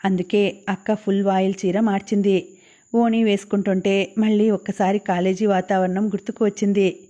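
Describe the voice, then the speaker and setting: A woman narrating an audiobook novel in a steady, scripted reading. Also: medium pitch, normal speed, highs cut off. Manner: flat, even reading.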